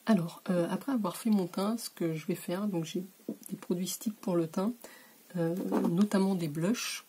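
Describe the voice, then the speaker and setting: A woman in her bedroom giving a relaxed, chatty makeup tutorial, with many hesitations, sometimes dropping to a whisper while she applies product. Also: fairly low pitch, normal speed, breathy edge. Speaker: beauty vlogger. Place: warm bedroom.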